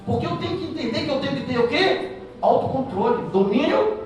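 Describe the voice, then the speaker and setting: Brazilian man, high voice, pastor preaching to couples, lively back-and-forth with the crowd, far from the mic in a very echoey hall. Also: brisk, a little hiss or hum. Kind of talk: sermon to couples.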